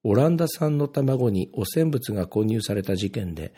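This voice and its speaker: A man's voice: on the low side, animated, normal speed, mellow, slightly rough. A man from Ibaraki talking casually on his own, reading his posts aloud and rambling with plenty of filler words. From Ibaraki, Japan.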